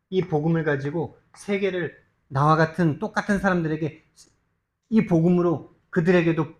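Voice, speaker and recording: A male pastor preaching a sermon, emphatic and full of rhetorical questions, swinging between loud urgent stretches and soft low asides. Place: church sanctuary.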